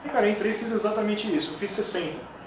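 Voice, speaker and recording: A kettlebell sport coach in his forties tells stories animatedly in a casual interview, acting out the voices of the people he quotes. His voice is high-pitched and he talks fast. He was recorded far from the mic in an echoey room with background noise.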